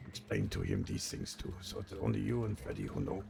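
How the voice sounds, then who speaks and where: A man acts out a grumpy old man, a weary, fatalistic veteran of a crime organization in a role-play game. His voice is low and heavily creaky, with gravelly grit. He speaks gravely and haltingly, though his pitch moves around a good deal. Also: wildly swooping pitch, noisy background, exaggerated voice. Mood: grumpy, confiding. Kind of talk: improvised online role-play.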